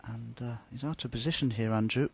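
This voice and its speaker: A man giving hushed, measured and understated snooker commentary. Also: mid-range voice, creaky, husky.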